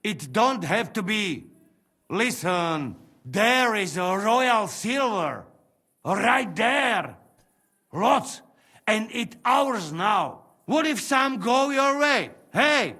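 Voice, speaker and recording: A man's voice: sits high, big pitch swings, drawn-out words, sharp tone, exaggerated voice. An actor playing a sly male mercenary with a Trenčín-region accent who speaks broken, wheedling English. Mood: bribing.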